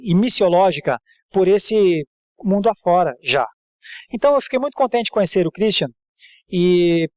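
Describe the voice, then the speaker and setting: A man's voice: high-pitched, no room sound. A man with a Brazilian accent speaking as a church leader, exhorting and introducing a guest, often repeating his phrases. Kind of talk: sermon and informal introduction.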